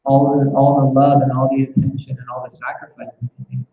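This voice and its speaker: Speaking a little fast in a completely flat, creaky, medium-pitched voice, a man poses questions to a scripture class in a temple classroom. His reflective talk often restarts with repeated words, and the recording is echoey and muffled with slight background noise.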